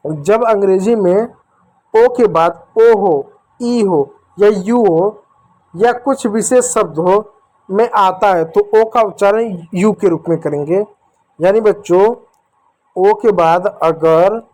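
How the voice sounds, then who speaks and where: A man teaching children a phonics lesson, going slowly through each letter sound. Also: sits high, darkish tone. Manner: slow, repetitive, drills each letter sound step by step.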